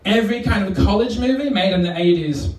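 A man's voice: sits high, animated, fast talker, darkish tone. A man with an Australian accent doing a stand-up comedy set on a club stage, rambling and self-deprecating with lots of fillers. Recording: roomy live club sound from far off.

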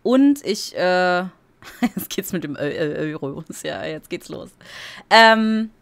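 Lively, giggly woman narrating gameplay. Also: fairly low pitch, slow pace, creaky. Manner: chatty, giggly, playfully silly. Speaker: let's play streamer. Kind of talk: casual gameplay commentary.

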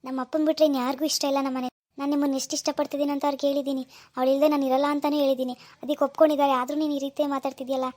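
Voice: high voice, flat delivery, rapid-fire, darkish tone, no room sound, clean studio sound, lightly acted. [name], someone playing a pleading young lover. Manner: pleading, coaxing. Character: young rich man's son who posed as a laborer, pleading. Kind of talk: amateur phone-call drama.

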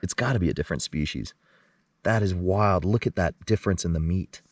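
A man in his thirties filming a solo fishing vlog at a lakeshore at night, chatting to the camera with easy excitement. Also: low voice, brisk, no room sound, recorded from a distance. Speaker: fishing vlogger. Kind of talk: casual solo outdoor vlog. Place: dark forest lakeshore at night, outdoors.

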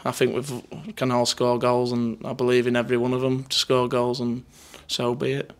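A footballer in his twenties with a Northern English accent gives a casual, matter-of-fact interview after a match. His mid-range voice is smooth and completely flat, at a moderate pace. He stands indoors before a sponsor board with a handheld interview microphone held near him.

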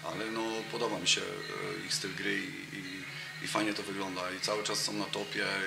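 A man in his thirties, a football coach appearing as an interview guest, speaks in a low, level, creaky voice at a moderate pace, chatting casually with plenty of fillers and restarts. He's recorded on a table mic in front of him in a cafe room with a brick wall and sofa, where the sound is roomy and noisy and loud music plays behind him.

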